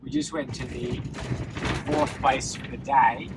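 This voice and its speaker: Man vlogging over loud road noise. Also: mid-range voice, flat delivery, unhurried. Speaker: travel vlogger. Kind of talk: casual vlog talk to camera. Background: vehicle noise.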